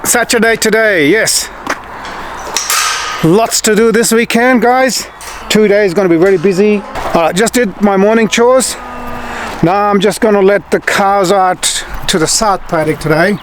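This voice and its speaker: Man, high-pitched voice, casual farm vlog chat, short calls to animals, noisy outdoor recording. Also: a little slow. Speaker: farm vlogger.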